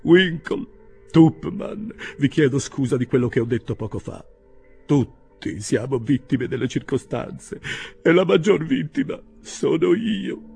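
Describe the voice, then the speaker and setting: A man voicing an indignant elderly gentleman who bursts out in high, vehement exclamations. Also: expressive, moderate pace, creaky, faint music behind. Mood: dismayed. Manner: high-pitched, exclamatory outbursts.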